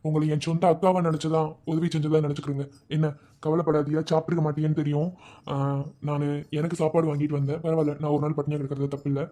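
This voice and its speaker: Man as kind young cartoon villager, Madurai speech, high and reassuring. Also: fast talker, natural voice. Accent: Madurai Tamil. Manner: reassuring, steady. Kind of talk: cartoon voice acting.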